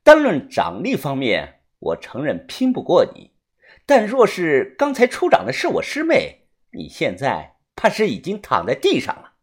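A confident woman doctor and fighter, calm and measured, with a teasing edge and a slightly husky tone. She sounds cool and unhurried, a wuxia storybook heroine, voiced by a storyteller. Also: medium pitch, exaggerated voice.

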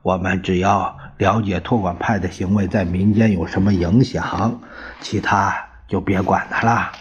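A man voicing a calm, placating governor. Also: low-pitched. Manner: measured, placating. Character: composed middle-aged male provincial governor. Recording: dull lo-fi recording.

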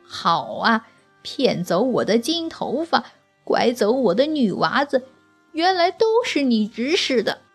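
Lady putting on a cranky shouty sun granny, super impatient, storybook voice. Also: medium pitch, animated, a little slow, few pauses, breathy edge, faint music behind. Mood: furious. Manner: shouting, hot-tempered, impatient. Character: furious old sun granny spirit, female. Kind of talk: storybook character voice.

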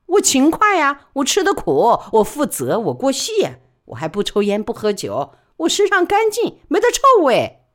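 A hearty, brash female street porter talks loud and high in a Wuhan dialect, as a woman storyteller puts her on. She boasts and grumbles coarsely, and her pitch swoops widely. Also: huge pitch swings, moderate pace, exaggerated voice.

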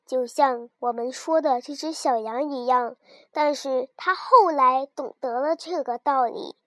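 A woman storyteller reading a bedtime story to small children in a soft, gentle way. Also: high-pitched, measured pace, no room sound.

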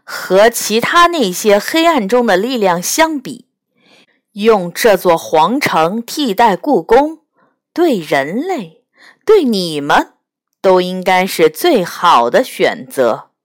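A woman's voice: mid-range voice, very animated, takes it slowly, no room sound, studio quality. A woman voicing a cold, scheming bird spirit with a grand, haughty and insistent manner, in a storybook reading.

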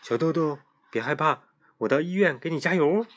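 A man's voice: on the high side, lively intonation, moderate pace, a bit bright, pitched above the performer's own voice. A man voicing a fussy young schoolgirl classmate, bossy but kind, in a raised childlike voice.

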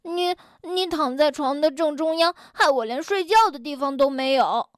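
A woman's voice: high-pitched, moderate pace, no room sound, studio quality, close to an everyday voice. A woman voicing a young male frog in a children's story, who is stubborn but tender-hearted and talks in a huffy, sulky tone. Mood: defensive.

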